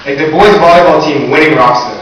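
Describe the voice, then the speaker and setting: A fast-talking teenage boy, his voice on the high side and a bit bright, delivers the valedictorian speech at graduation, earnest and a little jokey. The sound is distant and echoey with hiss, recorded far off in the audience of a large hall or gym.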